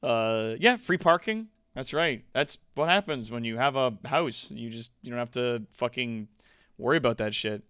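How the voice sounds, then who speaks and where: Smooth and mid-range, this streamer's voice moves at normal speed as he chats casually with viewers from his home streaming room. He swears freely and throws in animated asides, recorded with clean studio sound and no echo.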